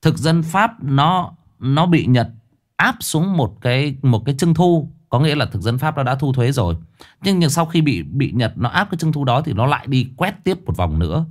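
Animated man telling a grim tale. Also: moderate pace. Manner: animated, swings from high emphatic bursts to low somber drops; addresses listeners directly, casual with restarts. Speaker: storyteller. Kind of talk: spoken storytelling to listeners.

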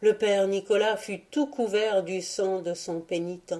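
A woman reading aloud a history book as a solemn, measured audiobook narration. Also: mid-range voice, steady tone, warm tone. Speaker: audiobook reader.

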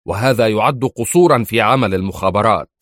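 Male narrator as an angry president, agitated, low and dry. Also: fairly quick, fairly bright tone, no room sound, close to an everyday voice.

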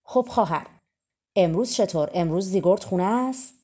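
A woman's voice: medium pitch, animated, dark tone, husky. A woman reading a storybook and voicing a menacing ogress sister who roars and accuses. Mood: sly. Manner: roaring, accusing. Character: menacing female ogress, sly and threatening.

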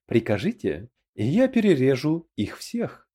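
A haughty high elf knight speaks with cool, polite menace, voiced by a man reading an audiobook. The tone is dark and mellow, and the lines come slow and deliberate. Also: huge pitch swings. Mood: coldly polite.

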